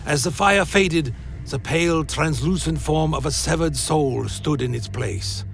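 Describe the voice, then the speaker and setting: A man narrating a first-person dark fantasy story with a solemn, literary delivery. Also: on the high side, unhurried, vocal fry, a little hiss or hum.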